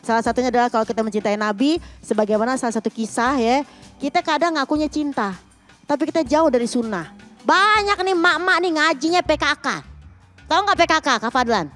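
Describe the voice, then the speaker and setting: A woman preacher giving a lively, joking religious talk to a TV studio audience, acting out voices as she tells a story. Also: high-pitched, quick pace, soft background music. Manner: playful, acts out quoted voices loudly. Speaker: guest preacher.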